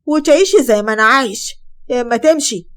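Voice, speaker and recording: A woman's voice: a little high, quick pace, close to an everyday voice. A woman voicing a stubborn young Egyptian husband who talks curtly and domineeringly. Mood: stern. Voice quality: curt, domineering. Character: stubborn young husband loyal to his mother.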